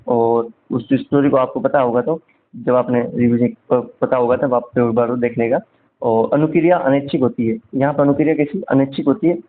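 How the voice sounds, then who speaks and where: A man teaches an exam revision lesson, tossing out questions to his students and answering them right away. His voice sits at an ordinary middle pitch. The sound is thin and tinny, like a phone line. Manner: asks quiz questions and answers them himself. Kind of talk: revision lecture.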